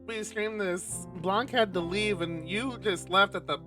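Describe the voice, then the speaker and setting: A man streams a visual novel, switching between reading its narration aloud and expressive, profanity-laced casual chat. His voice sits high and his pace is unhurried, with music playing.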